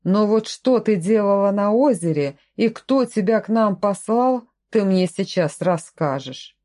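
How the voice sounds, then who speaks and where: Woman reading a stern grumpy man in an audiobook, short bossy lines, soft mellow tone. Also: mid-range voice, animated, a little slow, natural voice. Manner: curt, commanding, distrustful. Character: stern suspicious grown man, curt castle lord.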